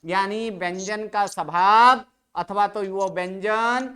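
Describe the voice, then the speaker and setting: A teacher with a smooth, resonant voice leads a grammar class. Questions come one after another, and each answer is repeated back slowly and deliberately. The delivery is clear and steady, with a mid-range pitch. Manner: quizzing students with constant questions. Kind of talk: classroom Sanskrit grammar lecture.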